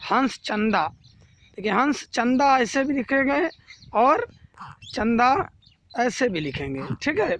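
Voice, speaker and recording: A man's voice: very high-pitched, sing-song, takes it slowly, pauses often, fairly bright tone, slight background noise. A man teaching a grammar lesson to children, repeating each rule and then asking and answering his own questions. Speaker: Hindi teacher.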